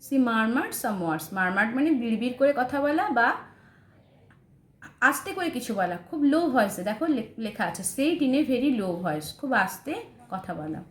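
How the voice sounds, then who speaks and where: A woman teaching an English textbook lesson with a Bengali accent, reading English sentences slowly and then translating them. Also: a little high, sing-song. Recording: roomy echo, faint background noise.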